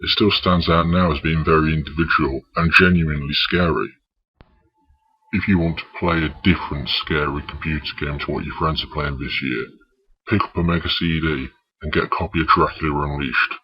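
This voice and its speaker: A man narrating a scripted retro video game review in a husky voice. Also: a bass voice, steady tone, moderate pace. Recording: dull, muffled lo-fi voice track.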